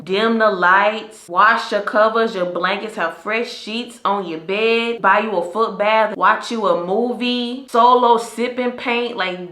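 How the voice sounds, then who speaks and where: Bright-voiced, sassy woman in her twenties. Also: fairly low pitch, roomy sound. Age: 20s. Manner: chatty, emphatic, sassy asides. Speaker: lifestyle vlogger. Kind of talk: casual advice vlog.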